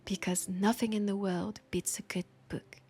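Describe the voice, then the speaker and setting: A woman with a French accent plays a romantic, teasing bookseller who is fond of a vampire customer, in an intimate roleplay audio with music behind her. Her natural, mid-range voice has a flat delivery, yet she speaks slowly, breathily and in a whisper, tender, playful and affectionate.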